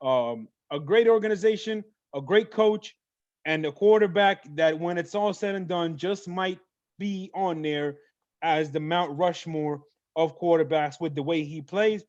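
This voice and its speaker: Sports show host, high-pitched man, playful and hyped, dry dull lo-fi sound. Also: a little slow, dry recording. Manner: animated, playful, hype. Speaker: host of a mock draft show. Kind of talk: casual sports talk.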